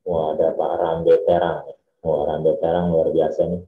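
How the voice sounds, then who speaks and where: A very low-voiced man hosts a video call and welcomes participants by name. His audio comes through echoing and droning, and it keeps breaking up. The sound is dull and muffled, as if from a roomy space. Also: completely flat delivery, moderate pace. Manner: welcoming, reads out participants' names. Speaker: online meeting host. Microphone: computer or phone on a video call.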